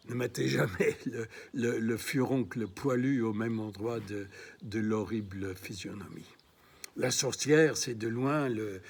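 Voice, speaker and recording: A man reading his own literary prose aloud in a halting way, with frequent restarts and filler sounds, and dropping to a whisper at line ends. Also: lowish voice, gravelly, slightly rough.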